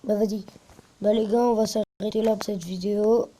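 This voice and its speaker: Mellow young gamer talking French suburban street slang. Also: mid-range voice, steady tone, normal speed, a little hiss or hum, low-quality recording. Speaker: host of a gaming video. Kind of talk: casual gameplay commentary with a co-player.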